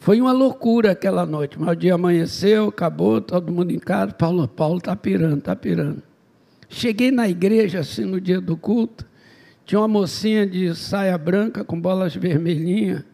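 A man's voice: sits high, normal speed, gravelly, mellow. A man, a missionary preacher telling a humorous testimony and acting out the dialogue.

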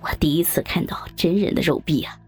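A woman voicing a group of crude, boastful young men in a low, gruff put-on voice. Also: fairly quick, a little mellow, whispered, soft background music, lightly acted. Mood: leering.

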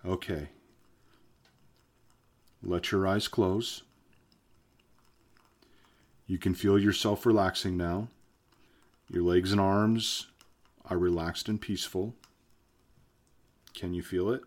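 An actor playing a weary man filming himself as the world ends, talking hesitantly and later guiding a hypnosis in a slow, soothing voice. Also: low voice, fairly even intonation. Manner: hesitant, with fillers and restarts. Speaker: vlogger. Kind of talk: found-footage vlog acting.

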